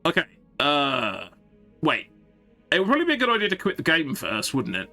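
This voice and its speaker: A man streaming a game, chatting to his viewers with a bright, forward tone. His pitch jumps around animatedly as he rambles and thinks aloud. Faint music plays underneath. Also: wildly swooping pitch, brisk. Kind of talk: casual live-stream chat.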